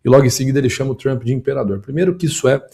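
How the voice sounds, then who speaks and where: A man hosts a commentary show and talks fast with a mellow, dark tone. He breaks down video clips point by point, speaking emphatically to viewers and to his production team. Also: medium pitch, gravelly. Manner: quick, emphatic, analytical, talks to the audience and production. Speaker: political commentator and show host.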